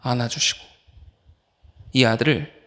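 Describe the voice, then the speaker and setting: A man's voice: medium pitch, unhurried. A man, an associate pastor, preaching informally to a youth group, firing questions at the teens and calling on them by name. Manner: animated, fires questions at listeners. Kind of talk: youth sermon.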